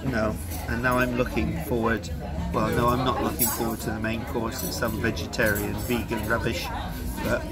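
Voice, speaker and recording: A man's voice: on the low side, little pitch movement, moderate pace, over loud music. Joking man vlogging aboard a cruise ship. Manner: jokey, chuckling, talking straight to camera. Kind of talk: casual vlog chat. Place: cruise ship dining room and bar, indoors. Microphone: handheld camera at arm's length.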